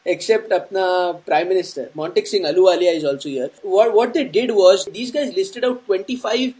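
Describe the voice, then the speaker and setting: A man with a high-pitched voice and an Indian accent hosts an informal news chat. He explains things in a casual, jokey way, switching between English and bits of Hindi. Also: fairly quick, warm tone, low-quality recording. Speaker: host of an online news discussion show.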